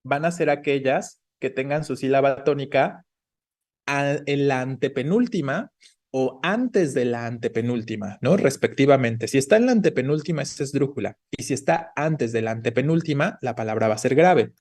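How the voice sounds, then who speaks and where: A man's voice: medium pitch, lively intonation, moderate pace, darkish tone. A man teaching an online class, explaining patiently and checking in with the students often. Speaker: Spanish teacher.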